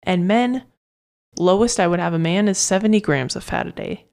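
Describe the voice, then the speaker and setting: A woman's voice: mid-range voice, moderate pace, a little mellow. A woman hosting her own fitness podcast, talking casually and rambling with lots of fillers and restarts. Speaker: fitness coach podcast host. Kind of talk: casual solo podcast talk.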